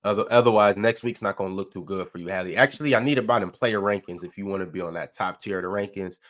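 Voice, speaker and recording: A man's voice: deep voice, quick pace, a bit bright. An American man hosting a sports talk panel, reading viewer comments and debating casually with dry teasing.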